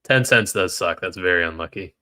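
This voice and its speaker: A deep, bright, forceful voice, a little fast, belongs to a frustrated livestream trader who reads viewer comments out to chat and lets off steam when his trades move against him.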